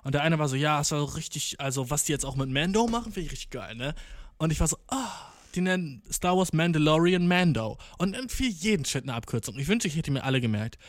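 A man's voice: a little high, lively intonation, fast, no echo. Slangy young man telling a story. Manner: slangy, swearing, tags lines with "ne?"; acts out quoted people in the story. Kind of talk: casual anecdote.

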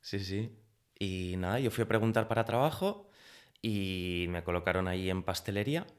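Low-voiced man in his thirties. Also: normal speed, clean tone. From Spain. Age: 30s. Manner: chatty, acts out quoted dialogue with rising pitch. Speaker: guest, pastry chef. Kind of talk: casual interview storytelling.

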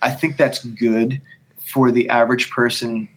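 On a rough recording, a worship songwriter and leader talks in a podcast conversation with a flat, mid-range, slightly breathy voice at a measured pace. He thinks aloud with many restarts and hums snippets of melody to illustrate his points.

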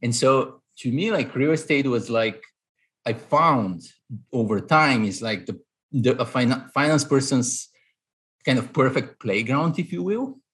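A Bulgarian-accented man in his thirties, a real estate investor appearing as a guest, answers interview questions analytically with lots of fillers and restarts. His voice is medium-pitched and husky, with lively intonation, an unhurried pace, and a fairly bright tone.

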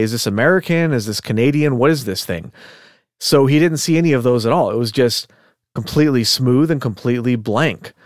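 A man with a middle-range voice co-hosts a podcast, casually narrating a case in a chatty, relaxed way full of fillers and tangents. His voice is captured close and dry, without any echo from the room.

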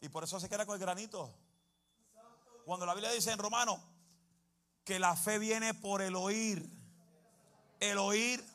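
A man preaching a fiery sermon as pastor, shouting and speaking in tongues. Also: high-pitched, fairly even intonation, a little slow, long pauses.

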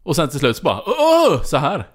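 A man's voice: mid-range voice, slightly rough. A man hosting a podcast, telling a story in casual chat and acting out what people said. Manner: animated storyteller, acts out dialogue. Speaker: podcast host.

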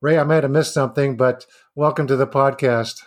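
A male podcast host runs a conversational interview, wandering loosely through his questions in a rambling way. His voice is mid-range with fairly even intonation, and he speaks briskly.

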